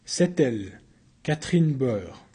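A tired old soldier with a wooden leg, speaking low and quiet before the court, as a man reads him. His husky voice stays slow and measured. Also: very animated, heavily acted. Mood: calm. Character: weary one-legged former soldier, calm.

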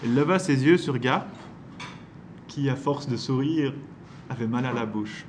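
A man narrating a novel in a steady, measured reading voice. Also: medium pitch, background noise. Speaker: audiobook narrator.

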